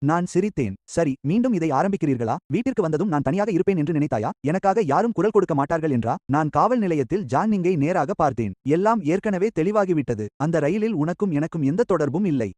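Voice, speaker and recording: A man narrates a revenge story at a brisk, rushing clip, his voice sitting a little higher than most men's. The recording is close and dry, with no room sound behind him. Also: no echo. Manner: fast, even reading of all parts in one voice.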